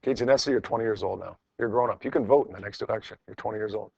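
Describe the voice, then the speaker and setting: Racing through problems with his class, a middle-aged high school physics teacher speaks in a fairly low, creaky, darkish voice with a breathy edge. His lecture is informal and encouraging, with phrases repeated for emphasis, captured in lo-fi audio with no echo.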